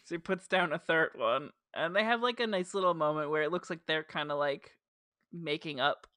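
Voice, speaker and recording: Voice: medium pitch, moderate pace, bright, forceful tone, no room sound. A podcast co-host with a New Jersey accent, chatting casually and retelling scenes with lots of "like" fillers. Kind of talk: casual chat recapping a show.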